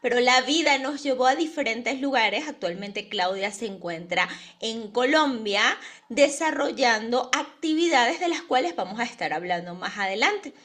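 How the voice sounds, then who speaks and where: A woman's voice: a little high, expressive, moderate pace, a bit bright. A Venezuelan woman hosting an interview, introducing her guest with rhetorical questions to the listeners. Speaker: podcast host. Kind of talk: warm conversational interview introduction.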